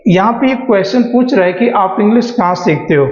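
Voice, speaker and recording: A man teaching a spoken English class, explaining grammar patiently and reading example sentences slowly. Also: sits high, lively intonation, darkish tone. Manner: explains slowly, reads English examples aloud at a very slow pace. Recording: echoey dull room recording.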